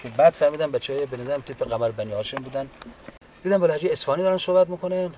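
A man, a wounded war veteran, giving a halting, unhurried personal account with frequent restarts. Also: on the high side, warm tone, a little hiss or hum. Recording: distant mic with faint background ambience.

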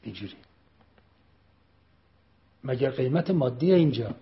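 A man's voice: medium pitch, animated. A man giving an emphatic political speech, repeating phrases and firing pointed rhetorical questions. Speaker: speaker addressing an audience. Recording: dull lo-fi recording.

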